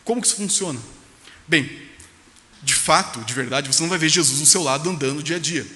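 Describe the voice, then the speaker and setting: A man's voice: a little high, fast talker, bright, forceful tone. A male pastor, delivering an emphatic sermon with rhetorical questions in a church. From Brazil. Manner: emphatic preaching, rhetorical questions, voices quoted speech. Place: church sanctuary. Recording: reverberant church hall.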